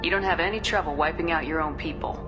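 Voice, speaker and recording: Woman acting a female commander, deep for a woman, tough, decisive, authoritative, direct, game drama, music behind. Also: fast, close to an everyday voice. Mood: resolute, probing.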